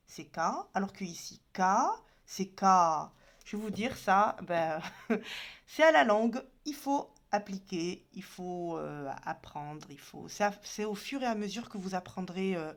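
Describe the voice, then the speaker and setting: Slow, patient woman teaching letters. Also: medium pitch. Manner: patient, spells out each letter and sound. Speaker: Arabic teacher. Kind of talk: slow step-by-step lesson.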